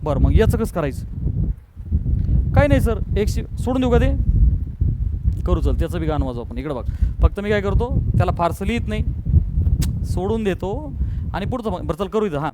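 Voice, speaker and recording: Brief: high-voiced male math teacher, bossy classroom drill, joking asides. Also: expressive, fast talker, very noisy. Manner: scolding, drills students to answer loudly; joking, mixes English math terms. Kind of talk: classroom lecture.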